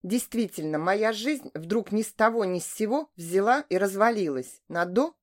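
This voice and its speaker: Female audiobook narrator, first-person, expressive and emotional, mid pitch. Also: moderate pace.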